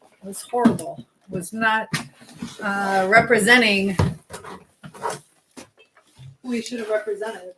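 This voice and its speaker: A woman hosts a casual livestream, speaking slowly at medium pitch with a steady tone and frequent pauses. She talks straight to viewers and reads their comments conversationally, over noticeable background noise and clicks.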